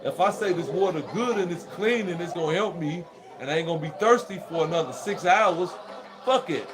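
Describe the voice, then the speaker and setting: A man's voice: high-pitched, brisk. A man talking straight to his viewers in a casual, profane, rambling monologue, laughing as he goes. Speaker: vlogger. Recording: noisy recording with crowd chatter behind.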